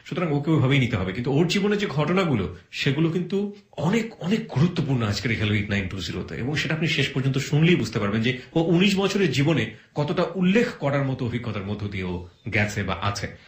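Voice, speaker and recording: Brisk male host, echoey room. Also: medium pitch. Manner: brisk, with frequent affirming murmurs. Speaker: radio-style host. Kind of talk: interview host, prompting and commenting.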